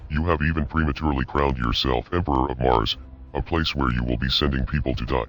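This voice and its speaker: A man reading a scripted, accusing statement in an electronically deepened, disguised voice. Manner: steady, accusing, ominous. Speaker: anonymous activist spokesman. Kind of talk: scripted statement read aloud.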